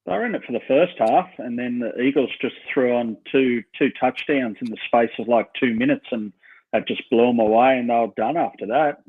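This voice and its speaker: A man with a husky voice chats informally as a sports panellist. He comes through thin and narrow, like a phone line. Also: medium pitch, brisk. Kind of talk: casual chat.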